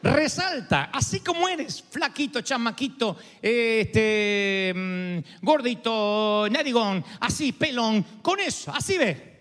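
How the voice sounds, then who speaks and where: Animated high-voiced male preacher, echoey hall. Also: slow pace. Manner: animated storytelling, acting out quotes. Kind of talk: sermon.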